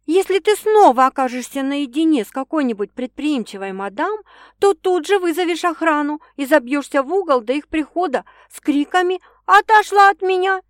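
A woman's voice: high-pitched, lively intonation, normal speed, dry recording, clean studio sound, pitched above the performer's own voice. A woman reading an audiobook, voicing a stubborn, teasing young woman in an indignant, insistent manner. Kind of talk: audiobook character voice.

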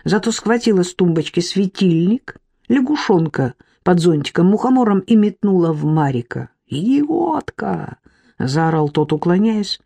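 A woman calmly narrating a novel as an audiobook, in a measured reading voice. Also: lowish voice, dry recording.

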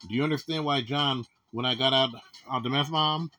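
A man talking with his mother in casual conversation, halting and full of restarts, asking the same questions again and again. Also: medium pitch, pushed and bright. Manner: repetitive, keeps asking "you know what I meant?"; halting, many restarts and stammers.

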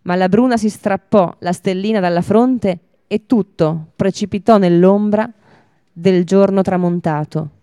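A woman reading a fairy tale aloud on a radio broadcast, in a steady, measured storybook manner. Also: mid-range voice, clean tone, dry recording, clean studio sound.

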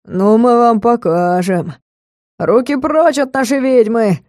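A woman's voice: fairly high pitch, takes it slowly, a little mellow, dry recording, clean studio sound. A woman voicing a crowd of rowdy, loyal male tavern regulars. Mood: rallying.

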